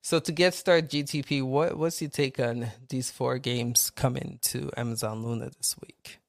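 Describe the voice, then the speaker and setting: A man's voice: mid-range voice, steady tone, normal speed, creaky, dry recording, clean studio sound. A man with a Nigerian accent hosting a casual live-stream chat, upbeat and greeting viewers by name. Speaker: podcast host.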